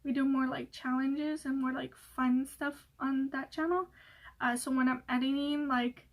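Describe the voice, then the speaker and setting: Young woman, high voice, casual rambling chat, lots of fillers, giggly. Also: fairly even intonation, a little slow. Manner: rambling, many fillers and restarts; giggly, laughs often. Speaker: beauty vlogger.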